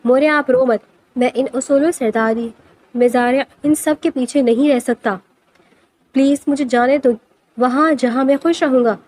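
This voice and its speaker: A woman's voice: sits high, fairly even intonation, darkish tone. A woman voicing a frustrated young man who refuses his family's inheritance, speaking in a protesting way in a storybook reading. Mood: tender. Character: young man, heir, fed up and defiant.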